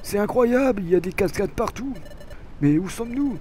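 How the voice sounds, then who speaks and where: A man reading as an eager creature explorer in a video game, full of wonder and stumbling over the odd word. The voice is fairly high, with faint noise behind it. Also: animated, normal speed, warm tone. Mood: curious. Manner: wondering, hesitant reading with "euh". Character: curious male Pokémon partner, eager explorer. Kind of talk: dramatic reading of game dialogue.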